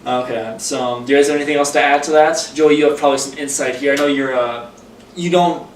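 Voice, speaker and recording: A man's voice: fairly high pitch, steady tone, quick pace. A young man co-hosting a casual podcast, rambling and reading facts aloud. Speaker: podcast co-host. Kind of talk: casual chat. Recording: echoey room, mic far off, faint noise.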